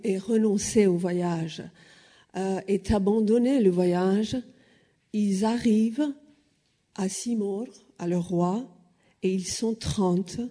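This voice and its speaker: Iranian woman, mellow and hesitant. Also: mid-range voice. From Iran. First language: Persian. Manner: hesitant, many filler sounds. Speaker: panel speaker. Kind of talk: explanatory panel talk.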